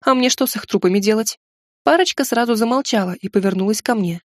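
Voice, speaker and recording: A woman's voice: a little high, fast, no echo, clean studio sound. A woman narrating a first-person fantasy audiobook in a wry, ironic storytelling manner.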